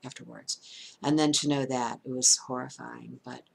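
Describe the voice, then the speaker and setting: A woman in her sixties telling a true story casually to the camera, dropping to a hushed whisper at suspenseful moments. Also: very deep voice, steady tone, moderate pace, gravelly, slight background noise. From St. Louis area, USA. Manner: conversational, with fillers and restarts. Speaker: storyteller, channel host.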